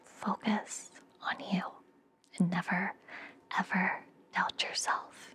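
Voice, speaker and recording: A young woman hosts an ASMR podcast from an indoor room, her mouth very close to a fluffy-covered microphone. She whispers soothing affirmations and guided relaxation in a gentle, breathy, reassuring way, with a lowish, flat voice and an unhurried pace.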